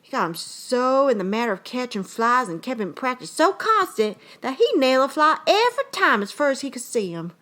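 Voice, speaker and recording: Reading a comic short story aloud, a woman with a high, very animated, slightly bright voice plays a rambling, folksy old-time yarn-spinner. She sounds excited and admiring, drawing out her words in rustic dialect with an earnest, conversational manner.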